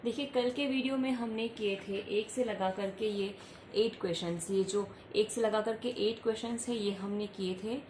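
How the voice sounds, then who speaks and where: A woman's voice: medium pitch, steady tone, normal speed, darkish tone. A woman teaching a worksheet lesson, explaining English words patiently and spelling them out letter by letter. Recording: echoey room with faint background hum.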